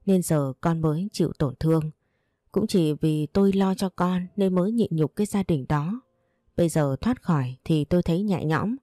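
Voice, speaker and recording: Woman with a low, mellow narrating voice. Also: no room sound, studio quality. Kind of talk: first-person story narration.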